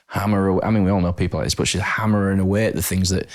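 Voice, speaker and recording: A man's voice: sits low, little pitch movement, racing. A man in a casual podcast chat, thoughtful and hesitant, with many restarts.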